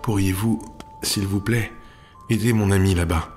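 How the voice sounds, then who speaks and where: A man's voice: low voice, steady tone, measured pace, darkish tone, soft background music, voice pushed up. A man voicing a polite young shape-shifter girl. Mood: polite weary. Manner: formal, courteous speech.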